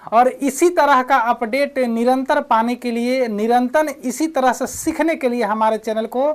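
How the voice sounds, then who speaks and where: A woman teaching in a classroom style, with a voice a little higher than most. She drills her points by asking short questions and answering them herself, repeating each key term. Her delivery is steady and instructive. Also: unhurried. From India. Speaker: Hindi teacher. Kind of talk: classroom-style grammar lesson.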